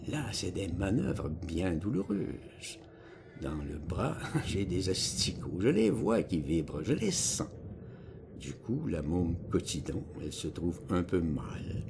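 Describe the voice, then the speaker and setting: A man narrating a literary audiobook in an expressive, slangy first-person voice. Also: low-pitched, vocal fry, background noise. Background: music.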